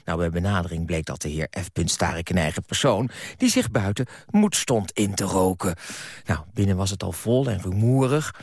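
A man narrating a scripted radio report in a lively, storytelling way. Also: sits low, moderate pace, no room sound, studio quality.

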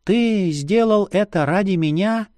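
A man's voice: high-pitched, a little slow, darkish tone, dry recording, voice pushed up. A man voicing a young princess in an audiobook, anxious and impulsive, with a pleading, breathless manner.

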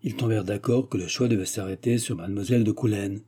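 Dark husky male audiobook narrator. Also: on the low side, steady tone, fast talker. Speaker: audiobook reader. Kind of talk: scripted narration.

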